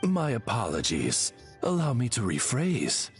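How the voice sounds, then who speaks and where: In an English dub of an anime game, a man voices a dignified raven familiar who serves as a courteous, deferential interpreter with formal speech. His mid-range voice swoops wildly in pitch while his pace stays measured. Soft music plays in the background.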